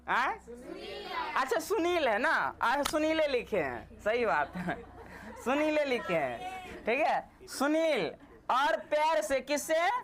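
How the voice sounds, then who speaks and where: A woman's voice: high voice, fairly bright tone. A woman teaching a Sanskrit class, quizzing and teasing her students.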